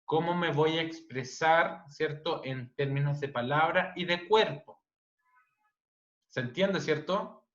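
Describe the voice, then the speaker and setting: A man with a Chilean accent teaching an online class, speaking loudly and checking in with tag questions. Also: fairly high pitch, slow. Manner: loud, frequent "¿cierto?" tag questions. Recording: dull, roomy online-class audio.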